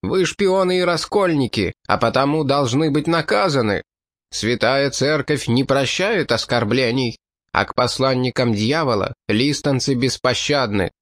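A man reading an audiobook, voicing a hateful, zealous old priest who accuses and threatens in a shrill, hysterical way. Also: animated, unhurried, fairly bright tone, no echo.

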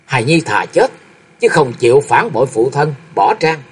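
A man's voice: mid-range voice, expressive, moderate pace, breathy edge. A man voicing a loyal, emotional young male sworn son who speaks in an earnest, pleading way.

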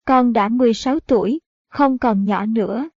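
A woman's voice: a little high, moderate pace, dry recording, lo-fi sound. A woman reading the part of a middle-aged prince who speaks firmly to his son in an audiobook. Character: stern middle-aged prince, a firm father. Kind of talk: audiobook narration.

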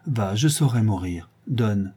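A man's voice: on the low side, lively intonation, a little slow, dark tone, breathy edge. A man reading aloud voices a passionate young woman of twenty, lifting his voice and speaking in a feverish, urgent way. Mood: resolute.

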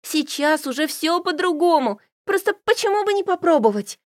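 A woman voicing a lively, pushy young friend. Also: extremely high pitch, normal speed, no echo, studio quality, voice pushed up. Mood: coaxing. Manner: emphatic, coaxing, insistent. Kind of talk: audiobook character voice.

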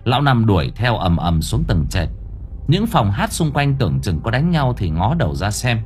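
A man narrating a ghost story audiobook in a vivid, expressive way. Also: fairly low pitch, normal speed, faint music behind.

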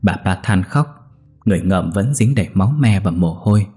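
A man narrating a dramatic folk tale in a measured storytelling way. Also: low voice, animated, dark tone, husky, faint music behind.

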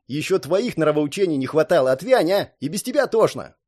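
A brash, restless young man, voiced by a male narrator grumbles and pushes back. The pitch runs raised and lively. Storybook reading. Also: a little fast. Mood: sulky. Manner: surly, grumbling.

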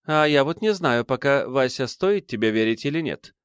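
A man's voice: medium pitch, lively intonation, moderate pace, clean tone, no room sound, studio quality, pitched above the performer's own voice, close to an everyday voice. A man voicing a suspicious, spiteful middle-aged woman in an audiobook. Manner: sneering, spiteful.

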